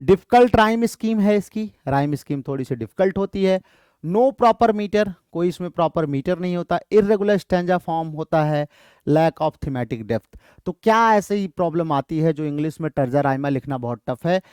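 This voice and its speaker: A male literature teacher giving an exam-prep lecture. He keeps asking his students questions and then answers them himself, reads the English options slowly, then explains them quickly. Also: fairly high pitch, lively intonation, darkish tone, smooth, dry recording, clean studio sound.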